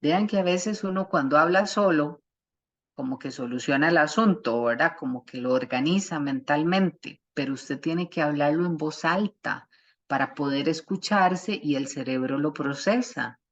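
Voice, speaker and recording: A woman with a notably low voice leads a support group over a video call, explaining ideas in plain, folksy terms with homely images. Her sound comes through muffled and lo-fi, as call audio often does. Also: normal speed. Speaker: psychologist leading the session. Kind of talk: warm group facilitation.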